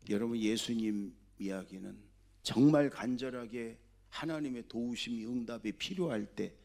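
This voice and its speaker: With a mid-range voice touched by vocal fry, this man preaches as senior pastor on a Sunday. He keeps it conversational, often questions the congregation, and moves between booming exhortation and quiet asides.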